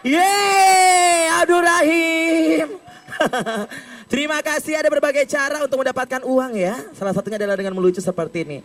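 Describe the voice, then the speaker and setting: A man hosting a comedy event, introducing and thanking the comic in a loud, excited way. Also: extremely high pitch, very fast, few pauses. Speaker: emcee. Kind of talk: hyped stage hosting. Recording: distant mic in an echoey hall with music.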